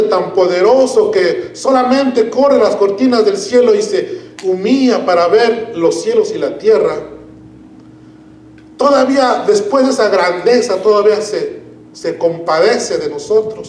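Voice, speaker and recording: A high-pitched man preaches in an unhurried, deliberate way, leaning on key words as he teaches. The sermon is recorded in a church with a roomy echo, and the mic sits some way off. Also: a little hiss or hum. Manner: slow, deliberate Bible teaching with emphatic stresses. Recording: echoey room, mic at a distance.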